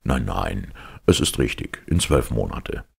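A man with a very deep, gravelly voice voicing an easygoing captain who gives way in argument. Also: normal speed, full character voice. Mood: calm. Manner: calm, conceding. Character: easygoing male sea captain, yielding.

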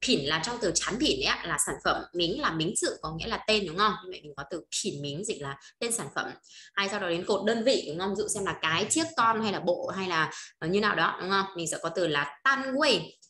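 A woman teaching a language lesson, drilling words slowly and repeating them, often stopping to check that her students follow. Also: on the low side, animated, sharp tone, roomy sound. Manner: asks frequent checking questions.

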